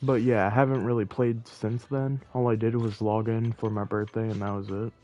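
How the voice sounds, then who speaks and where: Rambling and thinking aloud as he plays, this man has a lowish, dark-toned voice with a flat delivery at a moderate pace. Game music runs behind his casual livestream chatter.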